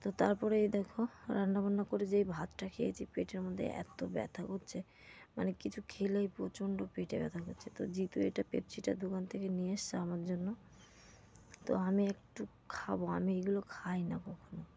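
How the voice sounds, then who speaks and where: A young woman talks through her day in a casual home vlog. She sounds sick and worn out, with a dark, gravelly voice and flat intonation, recorded on a phone with faint room noise behind her. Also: mid-range voice, brisk. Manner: tired and unwell, talking through her day. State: sick, sore throat. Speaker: vlogger. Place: at home, indoors.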